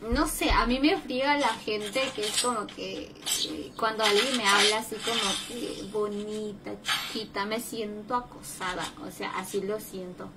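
A young woman chatting casually with viewers on a gaming livestream, greeting them and breaking into loud exclamations. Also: medium pitch, fairly even intonation, unhurried, few pauses. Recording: loud background noise.

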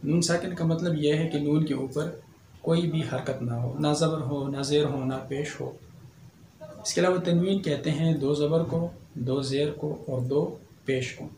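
A man's voice: fairly high pitch, steady tone, measured pace, warm tone. A male Quran teacher, explaining tajweed rules patiently and often checking in with the listener. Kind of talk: tajweed lesson. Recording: echoey room, faint ambient noise.

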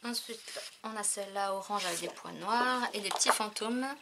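A woman's voice: mid-range voice, normal speed, vocal fry, noisy background. A French woman chatting casually through a crafting haul video, with many fillers as she shows her purchases. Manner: chatty, many fillers, counting and showing items. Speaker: crafting vlogger.

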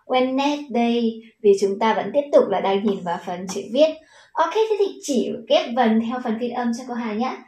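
A woman's voice: on the high side, lively intonation, moderate pace, dark tone, roomy sound, poor audio. A woman with a Vietnamese accent teaching children English pronunciation, patient and encouraging, stretching out the model words.

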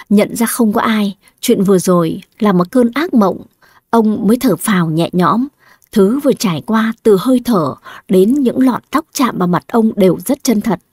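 A woman narrating a folk horror story in a steady, measured storytelling voice, recorded on a close studio mic. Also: mid-range voice, husky, dry recording. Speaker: audiobook narrator.

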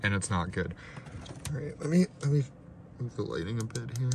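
This is casual pack-opening commentary from a young man whose nose sounds stuffed up, talking off the cuff and poking fun at himself. He speaks animatedly and a bit quickly in a slightly mellow mid-range voice. There's a little background noise in the small, ring-lit room.

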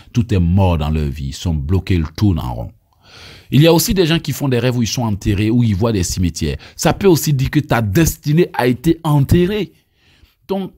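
A man in his thirties from Côte d'Ivoire speaks in a low, dark, breathy voice with an Ivorian French accent; Abé is his first language. He preaches emphatically, often stammering and restarting, while teaching on deliverance prayer. He's filmed outdoors on a phone held at arm's length.

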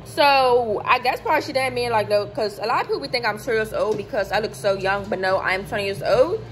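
This is a casual storytime chat by a lively woman vlogger in her twenties, filmed in a hotel room on a phone camera held near and below her face. She talks fairly quickly in a higher voice, raising it further to act out people she quotes, and the recording quality is low.

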